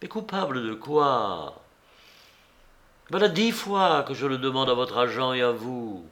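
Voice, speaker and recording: A man voicing a proud, evasive gentleman under arrest who speaks with restrained anger. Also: medium pitch, animated, measured pace. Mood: defiant.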